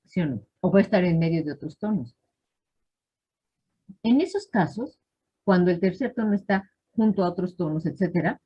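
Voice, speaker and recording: A woman's voice: medium pitch, slightly rough. A woman teaching a live class, explaining patiently and checking in often with her students. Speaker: language teacher. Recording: dull lo-fi online class audio.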